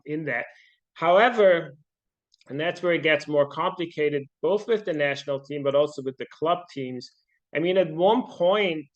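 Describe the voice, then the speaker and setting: Austrian-born guy on a podcast, middle-aged, bit higher voice, lots of ums and restarts. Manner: thoughtful, hesitant, many fillers and restarts. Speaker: podcast guest. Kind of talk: casual interview talk.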